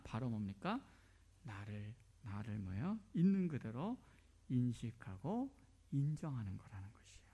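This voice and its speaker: A middle-aged man preaching a sermon as a pastor, asking rhetorical questions and dropping to near whispers. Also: on the high side.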